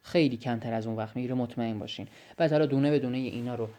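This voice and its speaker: A man's voice: mid-range voice, mellow. A young man recording a voice-message biology lesson, explaining step by step, repeating key phrases and talking straight to his students. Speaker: biology study tutor.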